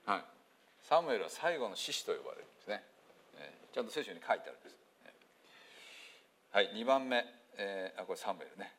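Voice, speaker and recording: Deep-voiced hiroshima guy preaching, chatty, lots of ums, voice swings up and down. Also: brisk, long pauses. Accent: Hiroshima Japanese. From Hiroshima, Japan. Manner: chatty, many fillers, lively pitch swings. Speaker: pastor. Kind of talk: casual sermon talk with quiz review.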